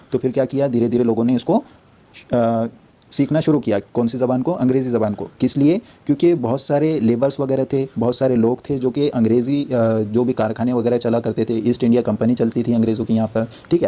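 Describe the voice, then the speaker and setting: A man's voice: mid-range voice, warm tone. A male teacher giving a classroom lecture, often asking a question and answering it himself, repeating points as he explains. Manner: repetitive, explanatory. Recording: dull lo-fi recording.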